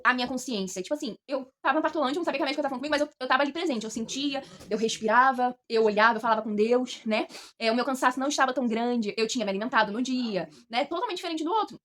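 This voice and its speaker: A woman's voice: sits high, slight background noise. Chatty young Brazilian woman vlogger. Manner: chatty, animated, addresses viewers as "gente". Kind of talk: casual storytelling to camera.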